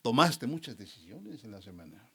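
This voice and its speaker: A man's voice: medium pitch, sing-song, moderate pace, fairly bright tone, slightly rough. A man, a pastor, preaching a sermon and calling the congregation brothers again and again, his voice dropping at the end of phrases. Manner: repeats "hermanos" often, voice drops at phrase ends.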